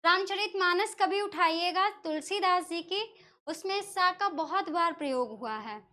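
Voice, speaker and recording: A woman teacher from northern India explains Sanskrit pronunciation in a classroom lesson, step by step, posing questions and answering them herself. Her voice is extremely high, bright and forceful, and she speaks unhurriedly.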